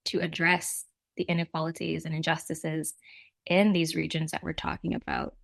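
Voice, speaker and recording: Being interviewed as a nonprofit representative, a middle-aged woman from Jamaica gives conversational answers. Her voice is lowish, a bit bright and strongly creaky, with a level tone and normal speed. She explains things reflectively and keeps adding asides.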